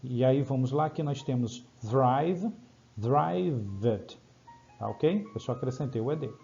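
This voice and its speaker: A Brazilian man teaching English grammar in Portuguese, explaining rules step by step and checking in with quick questions. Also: medium pitch, lively intonation, creaky, warm tone, highs cut off, soft background music. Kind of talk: grammar lesson over slides.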